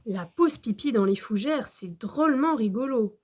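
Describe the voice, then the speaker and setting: A woman storyteller reading a children's storybook aloud in a slow, gentle manner. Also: a little high, animated.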